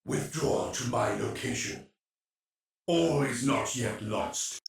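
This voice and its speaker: A man plays an imperious ancient machine pharaoh in a video game cutscene, delivering stately, formal and cold lines in a grave mood. His mid-range voice is gravelly and slow, heard distantly under music with heavy cavernous echo and a loud crowd.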